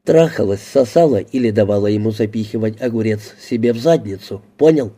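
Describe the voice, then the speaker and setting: A man reading an audiobook, voicing a blunt, quick-tempered woman who swears and used to be a call girl. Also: fairly low pitch, mellow, lightly acted. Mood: angry.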